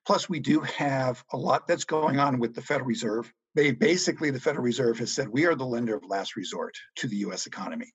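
A middle-aged man answering interview questions about money in a measured, reassuring way. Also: mid-range voice, slightly rough, no echo, lo-fi sound. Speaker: guest economics journalist.

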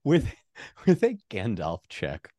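A man's voice: on the low side, huge pitch swings, slow, warm tone, no echo, clean studio sound. A man hosting a tabletop game as game master, narrating casually. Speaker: game master and podcast host.

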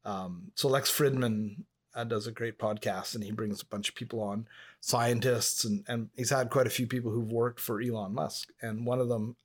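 A man from Montreal talks in a casual podcast chat, rambling from one story to the next. He co-hosts the show with an easy, conversational manner. His voice sits at an ordinary middle pitch. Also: fairly even intonation, normal speed. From Montreal, Canada. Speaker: podcast co-host.

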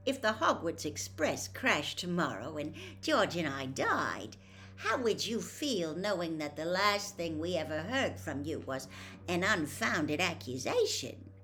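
A woman's voice: on the low side, very animated, measured pace, fairly bright tone, slight background noise, exaggerated voice. A woman reading aloud, voicing a cheeky teenage boy with a playful, theatrical manner. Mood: teasing. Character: cheeky teenage boy, mock-wounded joker.

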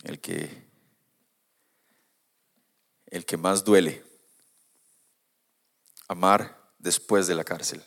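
A man preaching a sermon, animated, moving from quiet asides to loud emphatic points. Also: low voice, slow pace, long pauses.

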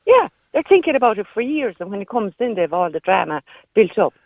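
Over a muffled, narrow-band phone line, a woman in her fifties from Ireland, with a Kerry accent, calls into a radio phone-in. Her medium-pitched voice is sing-song and fairly quick as she gives blunt, emphatic, no-nonsense opinions in casual chat.

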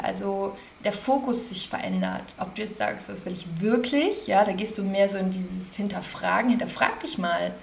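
A woman hosting a podcast, gently guiding listeners through self-reflection, slowly repeating questions and stressing single words. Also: mid-range voice, gravelly, a little hiss or hum. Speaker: podcast host, coach. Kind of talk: guided self-reflection talk.

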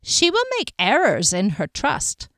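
A woman voicing a patronizing male wizard diviner with a nasal, sibilant voice and slow, knowing pronouncements. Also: mid-range voice, wildly swooping pitch, a bit bright, no room sound, studio quality, exaggerated voice. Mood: ominous.

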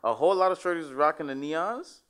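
A man with a slightly high voice. He banters casually in slang, blunt and jokey in how he puts things. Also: brisk, a bit bright, smooth. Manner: blunt, joking. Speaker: podcast panelist.

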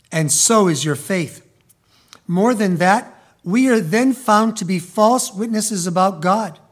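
A high-pitched pastor whose first language is Italian preaches a sermon inside a church building. He reads scripture slowly and emphatically, building up to a loud proclamation. When he prays, his voice turns quiet and soft.

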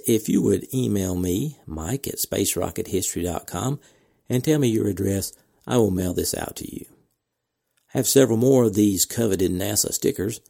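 A podcast host reads announcements in a measured, deliberate way, dropping in casual asides. His voice sits low, creaky and warm, and it cracks a bit from a slight cold.

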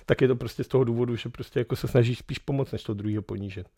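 Gravelly-voiced man bantering. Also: mid-range voice, warm tone, no echo, clean studio sound. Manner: banter, tells anecdotes, swears often. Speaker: podcast co-host. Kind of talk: casual chat.

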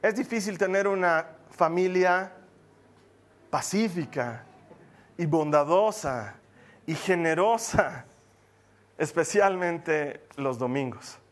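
A man preaching as pastor of a church, lively and joking with his congregation. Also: fairly high pitch, slow pace, long pauses. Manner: lively, jokey preaching with acted asides. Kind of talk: sermon.

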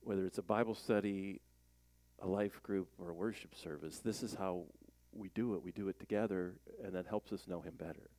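A man pastor giving a conversational sermon, plain-spoken and animated, asking the congregation questions as he reads scripture. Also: sits low, a little fast, no room sound.

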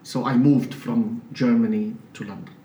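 A man from Syria with a Syrian accent, a priest talking as an interview guest in a measured, explanatory way with frequent restarts. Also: medium pitch, fairly even intonation, mellow. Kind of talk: conversational interview. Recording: roomy, slightly distant mic with faint noise.

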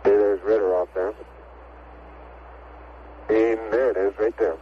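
A man's voice: on the low side, steady tone, a little slow, lo-fi sound. A man, an astronaut, giving clipped, matter-of-fact callouts over a crackly, breaking-up space radio transmission. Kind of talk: terse mission radio chatter. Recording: hissy archival radio with loud static.

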